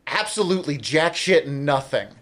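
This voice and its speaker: A man's voice: a little high, big pitch swings, moderate pace, a bit bright. A man co-hosting a podcast, rambling through his thoughts, swearing often and laughing a lot. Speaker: podcast co-host. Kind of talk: casual chat.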